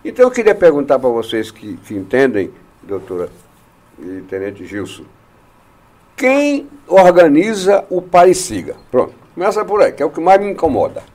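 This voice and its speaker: A man's voice: on the high side, sing-song, moderate pace, a little mellow. A Brazilian man hosting a talk show, talkative and opinionated, firing rhetorical questions at his guests. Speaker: radio show host. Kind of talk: casual chat.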